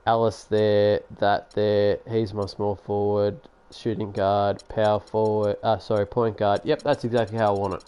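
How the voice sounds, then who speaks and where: Low-voiced man grumbling through gameplay. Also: a little mellow, clear, resonant tone. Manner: chatty, sarcastic, grumbles at the game. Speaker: gaming YouTuber. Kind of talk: casual gameplay commentary.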